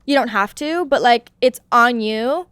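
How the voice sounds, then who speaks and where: A woman's voice: fairly high pitch, measured pace, fairly bright tone, clean tone, dry recording, clean studio sound. A young woman chatting casually as a podcast guest, with lots of "like" and frequent laughs. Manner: chatty, fillers of "like", laughs often. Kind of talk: casual chat.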